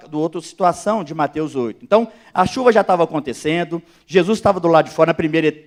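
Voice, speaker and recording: A male pastor, preaching a sermon with animated, emphatic rises and direct address to his listeners. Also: high-pitched.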